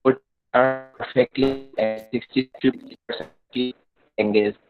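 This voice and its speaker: A man's voice: medium pitch, steady tone, slow pace, soft background music. A male student giving brief, hesitant answers in class over a distorted, clipping microphone. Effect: clipping, distorted mic. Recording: distorted, tinny online-class audio.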